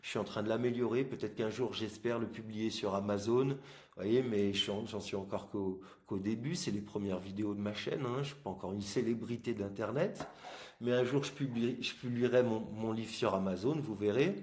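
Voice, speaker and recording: A man's voice: lowish voice, fairly quick, a little mellow. A man hosting a casual explanatory marketing video, speaking informally and emphatically to the viewer, with articulation slightly impeded by plastic dental aligners. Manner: informal, emphatic, addresses the viewer directly with examples. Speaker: host of an online marketing channel. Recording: echoey room.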